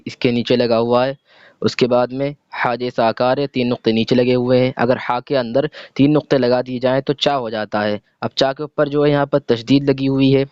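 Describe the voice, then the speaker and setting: A man teaching a reading lesson, patiently explaining letter by letter and sounding words out slowly. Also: medium pitch, darkish tone, clear, resonant tone, dry recording. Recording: dry, dull lo-fi recording.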